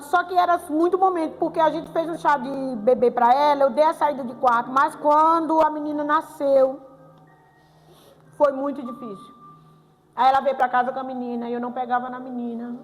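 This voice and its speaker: An older woman, high-pitched, speaks in an emotional church testimony and repeats her phrases as she pleads. Her voice rings through a long church reverb, with soft music underneath. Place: church hall with music behind.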